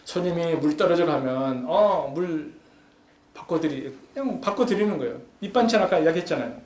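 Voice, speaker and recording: A man's voice: on the high side, expressive, fast talker, darkish tone. A man giving a conversational lecture at a forum, acting out everyday scenes and pressing his points with growing emphasis. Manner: chatty, acts out everyday scenes with rising emphasis. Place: lecture hall at a youth forum. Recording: echoey hall with faint background hum.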